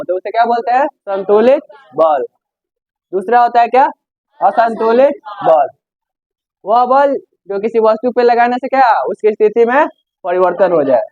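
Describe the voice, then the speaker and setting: A man's voice: high-pitched, no room sound. A male teacher giving a physics lesson, asking questions and answering them himself. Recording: tinny narrow-band dry sound.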